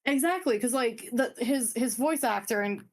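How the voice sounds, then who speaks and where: A woman's voice: fairly high pitch, lively intonation, moderate pace. Chatty woman rambling with fillers. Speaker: podcast co-host. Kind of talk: casual chat.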